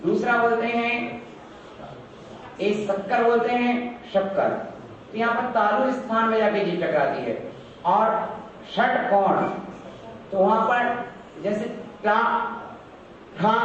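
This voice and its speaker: High-voiced monk chanting in an echoing hall. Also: male voice, slight background noise. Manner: slow, drawn-out chanting of verses; instructive, repeats syllables for the class. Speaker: Jain monk teaching a prayer recitation. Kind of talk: chanting and teaching pronunciation. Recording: echoey distant hall, dull lo-fi.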